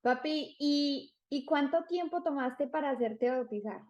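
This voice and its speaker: A woman's voice: high-pitched, a little slow. A woman interviewing her father, asking curious questions. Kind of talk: casual interview. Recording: dull lo-fi sound.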